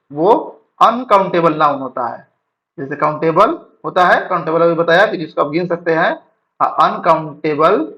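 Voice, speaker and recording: Guy teaching grammar at a board, a bit high voice, dull lo-fi sound, keeps asking "right?". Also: fairly bright tone. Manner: explains slowly, reads English sentences word by word, checks with "है ना?". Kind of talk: classroom-style grammar lesson. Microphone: writing on a board while talking.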